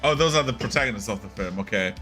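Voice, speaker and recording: Excitable, laughing male streamer. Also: fairly low pitch, quick pace, faint music behind. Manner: excitable, laughs often, swears a lot. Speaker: streamer reacting to a film. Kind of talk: casual stream chat.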